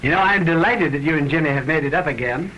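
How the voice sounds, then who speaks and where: A man's voice: a little high, fast, pushed and bright. An actor in an early talkie film playing a dignified, determined middle-aged banker father with formal, emphatic diction, on a crackly old soundtrack. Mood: genial.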